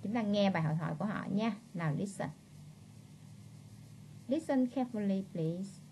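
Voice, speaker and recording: A woman with a Southern Vietnamese accent runs a vocabulary lesson at a mid-range pitch. She drills each word by saying it over and over, slowing right down on the key ones. Her talk is peppered with friendly prompts that nudge the class along. A faint noise sits under her voice. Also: expressive, mellow. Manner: drills words by slow repetition, coaxing chatty tag words. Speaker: English teacher.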